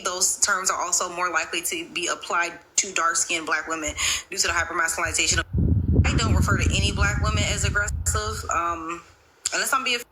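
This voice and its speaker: A woman moderating a live online panel, arguing in a blunt, confrontational way. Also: fairly low pitch. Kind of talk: argumentative live panel talk. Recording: heavy noise, clicky online call audio.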